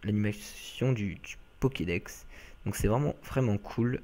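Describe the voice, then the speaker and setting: A man's voice: fairly low pitch, measured pace, darkish tone. A young man from France giving chatty, casual let's-play commentary, full of fillers and asides to viewers.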